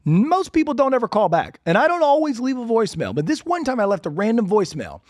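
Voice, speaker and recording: Lively, fast-talking man hosting a podcast. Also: very high voice, dry recording, clean studio sound. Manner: energetic and chatty, full of asides. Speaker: real estate podcast host. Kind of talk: casual instructional podcast talk.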